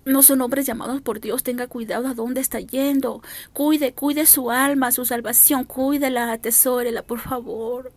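A woman's voice: sits high, steady tone, moderate pace, few pauses. A woman preacher recording a fervent, pleading prophetic exhortation as an audio message, repeating her appeals to the listeners. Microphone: self-recorded audio message.

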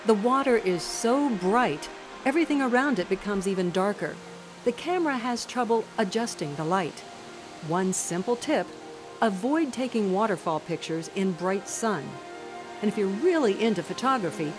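A woman giving calm, measured scripted narration for an outdoors documentary. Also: mid-range voice, poor audio.

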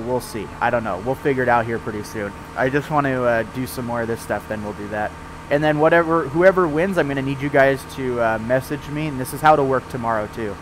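A man hosts a live stream of a farming game with friends, chatting casually in a stuffed-up morning voice and rambling with fillers and restarts. His voice is mid-range, and the background is noisy.

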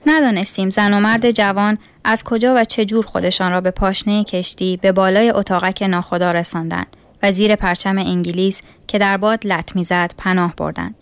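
A woman narrating a literary story in a measured reading voice. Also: mid-range voice, fairly even intonation, smooth, dry recording.

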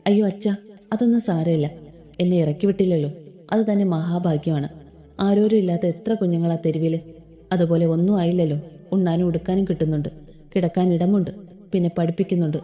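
A woman's voice: on the low side, steady tone, a little fast, close to an everyday voice. A woman voicing a humble, grateful teenage girl in a Malayalam audio story, speaking earnestly and modestly. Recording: slightly dull with soft background music.

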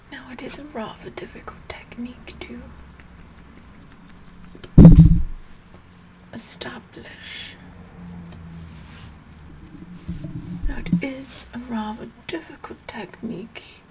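A woman playing a vain, bossy Tudor queen in a slow, breathy whispered ASMR makeup role-play. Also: a little high, rough recording. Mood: patient, bossy. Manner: slow, haughty, deliberate, repeating phrases.

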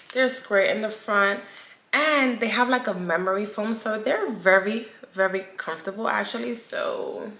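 A woman's voice: mid-range voice, sharp tone. A woman doing a casual haul video, chatty and playful, talking to her viewers as y'all. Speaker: beauty vlogger. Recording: echoey room.

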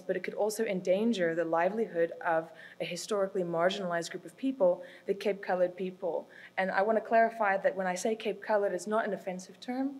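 A young South African woman whose first language is Afrikaans presents her project as a student reporting fellow, speaking earnestly with frequent ums and uhs in a mid-range voice. She stands at a podium in a hotel function room with a projection screen, picked up by the podium mic from a distance.

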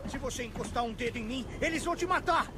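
A man's voice: extremely high pitch, fast talker. An actor playing a defiant male thug who cracks under threat, in a dubbed video game. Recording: loud game noise behind.

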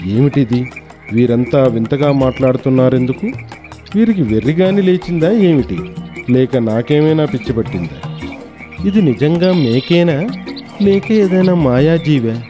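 A man voicing a simple, honest village Brahmin priest who shouts back indignantly. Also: medium pitch, lively intonation, a little slow, over music, close to an everyday voice. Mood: bewildered.

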